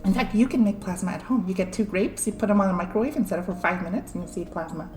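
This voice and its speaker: Talking rapid-fire in a mid-range, slightly mellow voice, a young woman streams about science in a relaxed way. Giggles and fillers like "like" and "um" are everywhere. The sound is echoey, with faint music behind.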